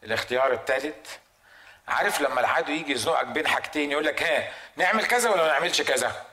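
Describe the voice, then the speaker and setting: A man with an Egyptian Arabic accent preaches at a rapid clip in a slightly high, bright voice. He drives his points home with rhetorical questions and acted-out dilemmas. The sound carries a roomy echo. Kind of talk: sermon.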